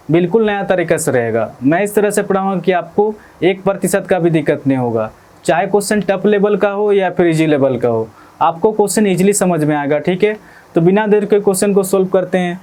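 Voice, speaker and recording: A male maths teacher with a fairly high voice, soft and dark rather than bright, leads an exam-prep maths lesson. He works through the problems step by step, repeating phrases and asking "ठीक है?" again and again to check in with students.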